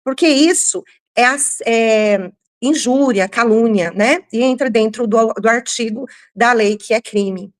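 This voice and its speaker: A Brazilian woman with a slightly high voice recounts her own story in an emotional personal testimony. She speaks firmly and fairly loudly, with frequent hesitant restarts. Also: unhurried. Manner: firm, rather loud speaking voice. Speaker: church member giving testimony.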